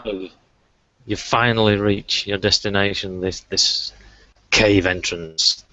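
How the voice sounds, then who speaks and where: A man's voice: on the low side, steady tone, slow pace, sharp tone, no echo, lo-fi sound. A man narrating a tabletop game as game master, hesitant with many fillers.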